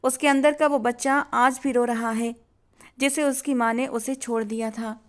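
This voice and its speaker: Woman reading a family story out loud, steady expressive tone, voice a bit high. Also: unhurried. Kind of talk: scripted story narration.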